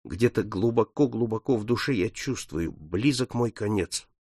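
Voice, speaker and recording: A man reading an audiobook, voicing a melancholy young soldier who expects to die, speaking low and subdued. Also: moderate pace, dry recording, studio quality, close to an everyday voice. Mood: mournful.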